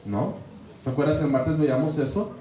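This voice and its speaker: A man's voice: a little high, a little fast, mellow. A man with a Mexican accent teaching a catechist training class in a conversational lecture style, often checking in with his listeners. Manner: conversational, checks in with frequent questions. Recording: very echoey room, voice far from mic.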